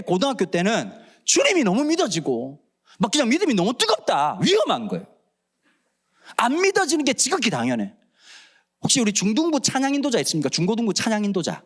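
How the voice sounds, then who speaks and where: A pastor in his forties with a Busan accent, preaching in a church with jokes and acted-out stories. His voice sits high for a man and leaps across a very wide pitch range as he mimics children and parents. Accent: Gyeongsang (Busan). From Busan, South Korea. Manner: animated storytelling, acts out quoted voices, jokes. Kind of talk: humorous sermon at a prayer meeting. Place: church sanctuary.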